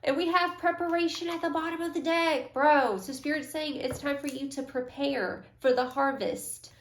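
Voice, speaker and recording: A woman's voice: high voice, steady tone, moderate pace, reverberant, a little hiss or hum. A young woman giving a casual, slangy, affirming tarot reading to her viewers. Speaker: tarot reader.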